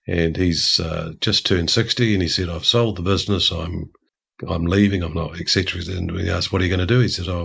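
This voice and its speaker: A man's voice: low voice, gravelly, fairly bright tone, breathy edge. An older man from New Zealand explaining ideas in a discursive, chatty way, full of asides. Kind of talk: casual conversation.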